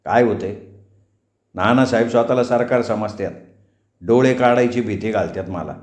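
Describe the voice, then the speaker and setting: A man's voice: fairly low pitch, normal speed, a little mellow, natural voice. A proud young villager from a storybook, voiced by a man, intense and defiant. His voice rings in a roomy space. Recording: roomy echo.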